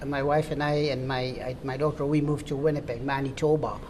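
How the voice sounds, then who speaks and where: A man's voice: medium pitch, little pitch movement, a little fast, a little mellow, a little hiss or hum. A man from Congo whose first language is French, a driving school owner answering interview questions in a friendly, hesitant way. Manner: friendly, hesitant with many fillers.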